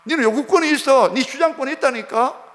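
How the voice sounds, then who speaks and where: A sly male devil tempter, as a preacher puts him on, needles and eggs his listener on with loud, insistent taunts. The voice sits high, and it rings out with a long church-hall reverb trailing behind each line. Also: brisk. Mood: goading.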